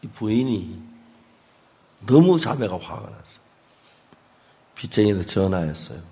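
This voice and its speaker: A male pastor with a preaching a sermon, telling a testimony story in an animated way and acting out voices. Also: on the low side, unhurried.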